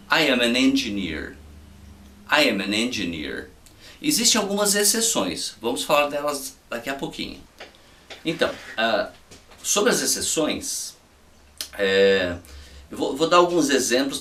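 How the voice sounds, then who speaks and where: Bright-voiced man teaching in an echoey room. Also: medium pitch, distant mic. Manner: patient, repeats examples, frequent "ok?" and "tá?" checks. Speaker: English teacher. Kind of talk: casual video lesson.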